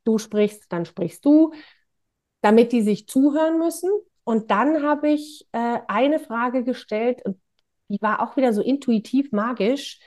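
A middle-aged woman, a business coach, telling lively and emotional stories in a casual interview and acting out quoted dialogue. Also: on the high side, a little slow.

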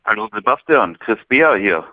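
A man calling in over the phone from a hotel room, chatting in a relaxed, storytelling way. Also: lowish voice, normal speed, dry recording. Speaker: caller. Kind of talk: casual chat. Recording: tinny phone line.

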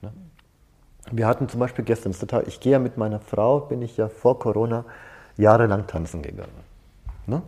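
A man with a lowish, mellow voice speaks briskly and pauses often. He leads a seminar in a relaxed, conversational style, sharing personal anecdotes and frequently checking in with short tag questions.

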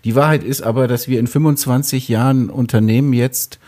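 Man, podcast co-host, husky, mellow tone, teasing. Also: medium pitch, fairly even intonation, a little fast. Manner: teasing, dry humor. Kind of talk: casual podcast chat.

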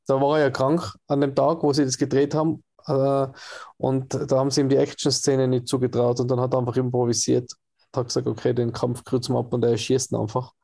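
A man chats casually about a film trailer, his voice gravelly and rough at the edges. He rambles, stops and restarts, and fills gaps with hesitant sounds, at a middling pitch. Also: darkish tone. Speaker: podcast co-host.

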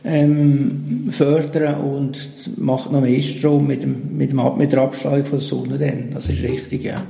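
A man with a Swiss German accent, a solar cooperative manager calmly explaining technical details in an interview. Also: mid-range voice, measured pace, creaky. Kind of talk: interview answers. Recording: roomy, reverberant room sound.

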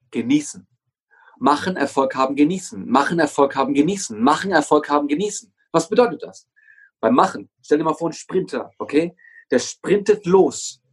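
An interview guest who works as a motivational coach gives an energetic pep talk in a husky, somewhat high voice. He is emphatic, swears often, and drives his points home by repeating phrases.

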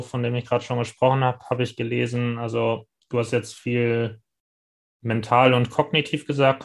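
A man hosting a podcast interview, asking questions in a calm, steady way with frequent fillers. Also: medium pitch, vocal fry. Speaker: podcast host.

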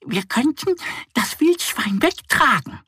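A man voicing a small, friendly, curious duck girl in a children's story, gentle and partly whispered. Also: extremely high pitch, very animated, slow, slightly rough, no echo, clean studio sound, pitched above the performer's own voice, full character voice. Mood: whispering.

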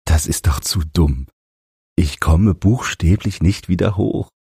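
A man playing a gentle, helpless father who talks in a soothing, apologetic way. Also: low-pitched, slow, creaky, slightly rough, dry recording, clean studio sound, heavily acted.

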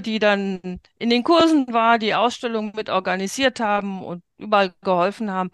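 A woman's voice: on the high side, clear, resonant tone, no room sound, studio quality. A woman guest on an interview podcast, steadily recounting a history with some hesitations. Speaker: guest, quilt group member. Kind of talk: interview answers, storytelling.

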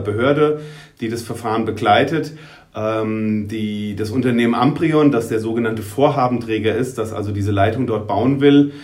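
A man of middle pitch explains things slowly as a guest on a podcast, stopping often with "er" and starting his sentences over. He speaks as a local newspaper editor. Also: darkish tone. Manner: hesitant, many ers and restarts while explaining. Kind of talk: podcast interview.

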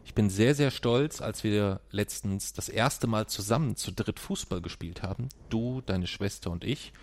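A man's voice: on the low side, moderate pace, darkish tone. A man in his forties talking casually with his son, teasing and arguing, sometimes acting out what others said. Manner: teasing, argumentative, acts out quotes. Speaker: father. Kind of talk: casual family conversation.

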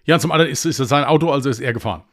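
Talking at a racing clip, a young man with a medium-pitched, fairly bright voice co-hosts a laid-back podcast. He wanders through stories and cracks himself up along the way.

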